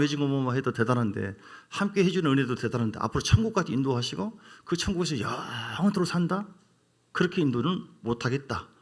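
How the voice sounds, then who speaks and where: A middle-aged man, preaching a sermon in a lively, playful way that jumps up in pitch. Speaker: pastor.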